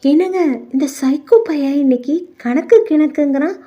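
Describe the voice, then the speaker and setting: A woman's voice: high-pitched, normal speed, dark tone, lightly acted. A woman voicing a gossipy, bossy married woman who nags and teases, on muffled lo-fi audio. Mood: gossiping. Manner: nagging, teasing.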